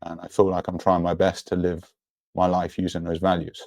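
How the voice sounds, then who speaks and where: A man's voice: low-pitched, completely flat delivery, moderate pace, darkish tone, dry recording. A young man speaking as an interview guest in an earnest, introspective way about his own life. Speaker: podcast guest. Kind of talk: personal, reflective interview talk.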